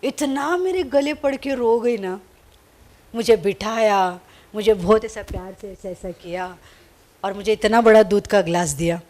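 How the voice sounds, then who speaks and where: A woman's voice: medium pitch, a little slow, darkish tone. A woman pastor, preaching a sermon and telling her own testimony in a storytelling way. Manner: storytelling, switching into Marathi for quoted speech.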